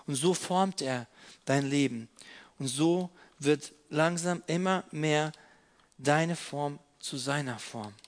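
A man preaching a sermon as an object lesson, explaining while he handles props and repeating his key phrases earnestly. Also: fairly high pitch.

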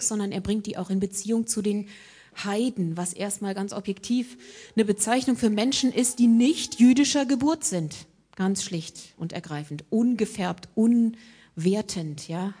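Delivering a sermon, a woman with a medium-pitched, slightly rough voice puts rhetorical questions to her congregation. Her emphatic lines give way to hushed whispers.

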